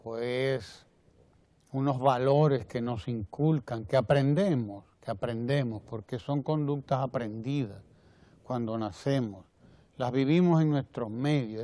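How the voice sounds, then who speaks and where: A man with a Dominican Spanish accent giving televised opinion commentary, measured and often rephrasing himself. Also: medium pitch, dark tone. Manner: measured, repeats and rephrases phrases. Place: TV studio.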